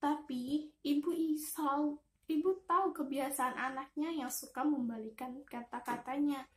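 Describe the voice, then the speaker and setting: A young woman in her twenties telling a story to children, slowly and warmly, like a big sister. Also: high-pitched, steady tone. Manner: warm, slow, addresses children as their big sister.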